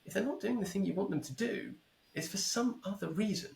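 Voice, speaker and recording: A man speaking as a podcast guest over a remote call, telling an anecdote in a lively, casual way and acting out both sides of the conversation. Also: high-pitched, fairly quick, creaky, reverberant, heavy background noise. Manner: animated, repeats himself, acts out both sides of conversations. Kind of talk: casual storytelling. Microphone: headphones with mic, remote call.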